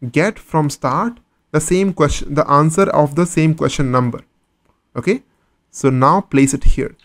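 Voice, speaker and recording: A man teaching a step-by-step coding tutorial, patiently posing questions and then answering them himself. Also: a little high. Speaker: coding instructor. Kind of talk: screen-recorded coding tutorial.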